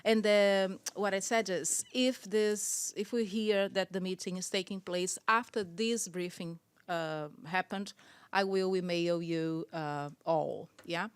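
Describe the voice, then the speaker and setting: A woman's voice: on the low side, fairly even intonation, slow, clean tone, no room sound. A woman spokesperson running a press briefing, polite and hesitant with many fillers. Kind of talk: press briefing, answering questions.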